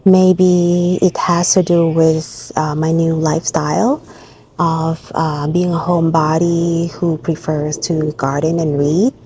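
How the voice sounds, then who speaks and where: Speaking slowly in a dark, low voice with little pitch movement, a Bangkok woman in her forties reflects openly on her life for her vlog camera. She has a Thai accent, and the poor audio includes a bit of background noise.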